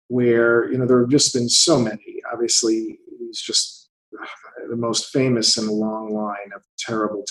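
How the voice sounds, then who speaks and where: A man's voice: medium pitch, echoey room, poor audio. A man in his fifties from the United States, a theatre investor speaking as an interview guest, thinking aloud and often repeating words. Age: 50s. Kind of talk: conversational interview.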